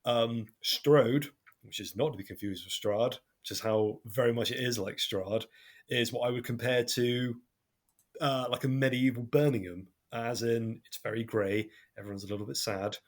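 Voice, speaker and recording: A man's voice: mid-range voice, fairly even intonation, normal speed. Man with a broad Devon accent. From Devon, England. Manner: rambling, self-deprecating, full of fillers and restarts. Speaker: podcast host and game master. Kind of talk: casual podcast chat.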